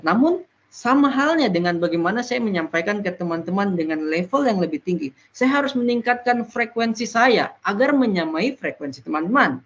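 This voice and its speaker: A presenter giving an educational talk to peers, explaining point by point with frequent pauses on "nah". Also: mid-range voice, animated, fairly bright tone.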